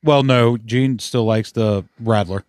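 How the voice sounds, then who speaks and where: A man's voice: mid-range voice, takes it slowly, darkish tone, no echo, studio quality. Fired-up profane man. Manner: heated, profane, emphatic ranting. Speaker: podcast host. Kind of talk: casual beer-tasting chat.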